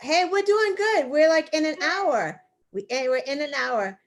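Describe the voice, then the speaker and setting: An American woman co-hosts an online news show, playing quizmaster in a casual trivia game and laughing often. Her voice is high, with lively intonation and a measured pace.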